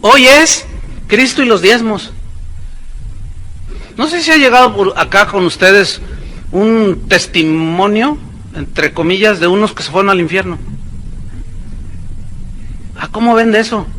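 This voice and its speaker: High-voiced preacher man. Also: sharp tone, a little hiss or hum, rough recording. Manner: preaching with sarcastic asides and quick mimicking voices. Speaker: pastor. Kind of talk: sermon.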